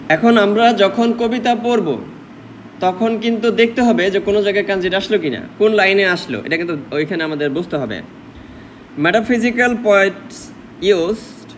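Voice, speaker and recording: A man with a Bangladeshi Bengali accent teaches a poetry class in a fairly high voice. He explains each point patiently and keeps throwing questions back at his listeners. A faint air-conditioner hum sits behind him. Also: low-quality recording. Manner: explains step by step, asks rhetorical questions. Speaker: English literature lecturer. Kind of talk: classroom lecture mixing English terms.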